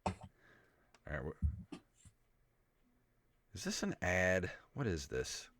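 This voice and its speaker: Hosting a comedy podcast, a middle-aged man talks slowly in a low voice whose pitch swoops wildly, rambling, swearing and sounding a bit exasperated as he chats and reads aloud. The recording is a bit bright with no room sound, and royalty-free synth music runs beneath.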